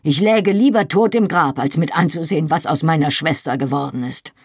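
A bitter, anguished young man, his pained outbursts breaking through, as a woman reader voices him. The voice sits low and husky, recorded close and dry with no room around it. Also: fairly quick, a little mellow, dry recording. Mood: desperate.

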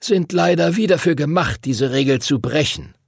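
A man's voice: on the high side, animated, moderate pace, vocal fry, husky, no echo, studio quality, pitched above the performer's own voice, exaggerated voice. A man voicing a brusque, gray-haired male pilot and teacher who barks out orders. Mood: gruff. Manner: brusque, commanding.

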